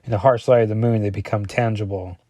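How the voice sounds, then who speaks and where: A man's voice: fairly low pitch, fairly even intonation, fast, dark tone, dry recording. A man casually reviewing a comic book, rambling with jokey asides.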